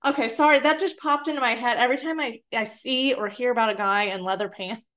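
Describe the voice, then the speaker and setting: A woman podcast host with a slightly raised pitch chats casually with her guest. She laughs easily and drops in quick apologetic asides. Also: fairly bright tone. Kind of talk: casual chat.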